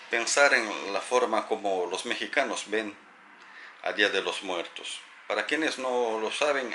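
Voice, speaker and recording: Gentle, animated man telling a reflective story. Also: fairly low pitch, slight background noise. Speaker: teacher. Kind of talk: reflective spoken talk to camera.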